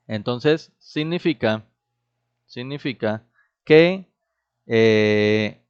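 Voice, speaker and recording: A man's voice: mid-range voice, clear, resonant tone. A man teaching a programming class, explaining step by step and often checking that the students follow. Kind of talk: classroom lecture. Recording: dull, lo-fi recorded class.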